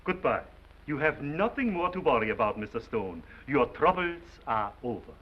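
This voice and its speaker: An actor playing a pompous, self-important specialist doctor, formal and declamatory in 1930s screwball film style. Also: male voice, medium pitch, big pitch swings, normal speed. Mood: stern, emphatic. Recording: muffled, hissy 1930s film soundtrack.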